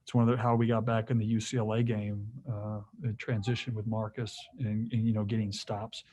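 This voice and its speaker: A man's voice: lowish voice, little pitch movement, a little fast, mellow, a little hiss or hum. A male head basketball coach answering questions at a postgame press conference, rambling with lots of fillers and restarts, joking now and then.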